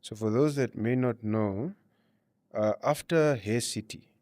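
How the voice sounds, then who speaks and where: A man's voice: on the low side, a little slow, darkish tone, dry recording, clean studio sound. A man giving advice and telling stories as an interview guest, explaining his points with frequent 'you know' and 'you see'. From Namibia. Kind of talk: conversational interview advice and storytelling.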